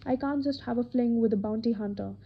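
Husky woman reading a romance audiobook. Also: a little high, brisk. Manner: amateur reading with occasional repeated lines. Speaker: amateur audiobook narrator. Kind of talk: first-person romance audiobook narration. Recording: dull lo-fi home recording.

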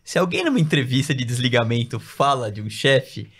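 A man hosts a casual interview and chimes in with brief remarks. He adds joking asides aimed at the listeners. His voice has an ordinary, mid-range pitch for a man. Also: expressive, brisk, fairly bright tone, breathy edge. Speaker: host.

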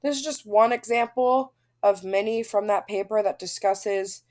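A woman with a groggy, congested voice from the flu, giving a recorded class presentation in a steady explanatory way. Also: mid-range voice, moderate pace. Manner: steady explanatory reading, frequent "going to". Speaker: student presenter.

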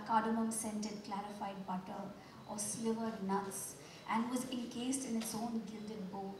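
A woman's voice: a little high, slight background noise. Woman reading a novel aloud in an echoey hall. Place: book launch event hall. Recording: echoey hall, mic from far off.

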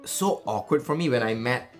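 Animated man storytelling. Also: medium pitch, normal speed, faint music behind. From Malaysia. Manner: animated storyteller, gestures a lot. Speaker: family vlogger, father. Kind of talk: casual chat to camera. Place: indoors at home, seated beside his wife.

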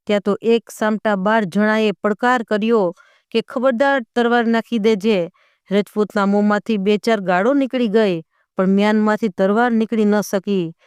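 A woman storyteller narrating an old folk tale, measured and expressive. Her voice is smooth and clear at an ordinary pitch. It is recorded dry and close, with no room sound. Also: no echo.

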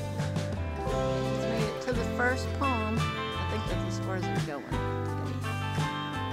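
A woman's voice: medium pitch, wildly swooping pitch, takes it slowly, loud music behind the voice. A woman in her sixties, an RV vlogger, chatting casually as she films outdoors in the desert and coaxes her dog. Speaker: RV travel vlogger. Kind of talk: casual vlog narration while filming. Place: outdoors in a desert canyon and campsite.

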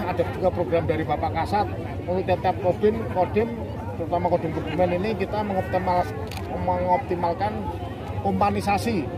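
A man, a military commander, explains an event to a reporter outdoors, in an informal, halting way with restarts. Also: high-pitched. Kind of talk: on-site press interview. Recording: loud crowd and noise outdoors.

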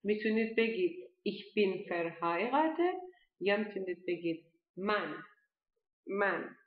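A woman teaching a language lesson, explaining step by step and saying the foreign words slowly and carefully. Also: mid-range voice. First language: Persian. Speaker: German teacher. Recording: dull lo-fi echoey room.

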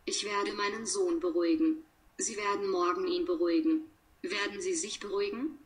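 Woman slowly reading example sentences. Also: fairly low pitch, fairly even intonation. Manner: measured, deliberate, pausing between sentences. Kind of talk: slow read-aloud of example sentences.

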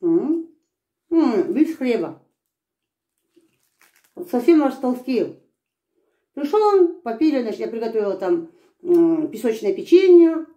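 A woman's voice: fairly high pitch, very animated, unhurried, pauses often, dark tone. A middle-aged woman vlogger chatting through a mouthful of food as she tells a story while she eats. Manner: chatty, repeats "I say" when retelling. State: mouth full. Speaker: mukbang vlogger. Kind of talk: casual storytelling while eating. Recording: echoey room.

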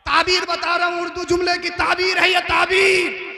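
A male preacher giving a sermon, telling a story in a soft voice, then breaking into loud shouting. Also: extremely high pitch, monotone, moderate pace, slight background noise. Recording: live crowd behind. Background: crowd.

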